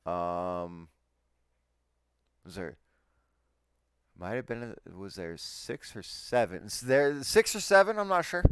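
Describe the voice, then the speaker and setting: Smooth-voiced man telling stories. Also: on the low side, expressive, slow pace, long pauses, dry recording, clean studio sound. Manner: laughing, profane storytelling. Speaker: tabletop game player. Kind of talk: casual chat before a game session. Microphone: online voice call.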